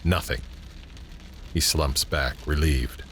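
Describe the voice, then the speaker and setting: Slowly, a man with an extremely low voice reads out the scene headings and action of a scripted audio drama, acting as narrator and setting the scene for each moment.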